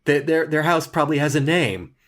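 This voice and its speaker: A man's voice: a little high, lively intonation, fairly quick, a bit bright. A man from the United States co-hosting a podcast, chatting casually and rambling with lots of restarts. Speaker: podcast co-host. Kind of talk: casual chat.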